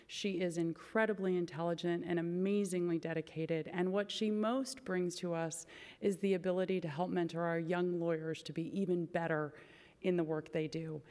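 Lower-voiced woman in an echoey hall. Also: steady tone, normal speed, darkish tone. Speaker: legal aid foundation director. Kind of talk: formal court presentation.

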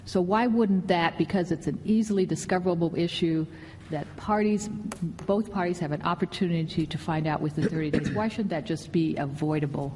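A woman with a low voice questions counsel as a judge, probing in plain conversational wording. Her voice carries in a reverberant hall over faint noise. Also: a little fast, a little mellow. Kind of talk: courtroom questioning. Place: large courtroom.

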